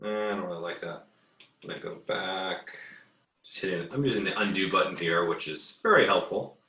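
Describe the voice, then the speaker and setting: An art teacher demos an assignment in a casual drawing tutorial, easygoing and hesitant, thinking aloud as he works. His voice sits low, brisk, pushed and bright. The recording is roomy and echoey, from a distant mic.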